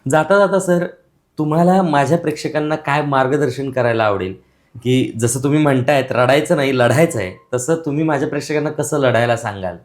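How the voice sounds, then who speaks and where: Male interviewer, mid-pitched, keeps cheering the guest on. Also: a little fast. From Maharashtra. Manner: appreciative, frequent approving interjections. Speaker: podcast host.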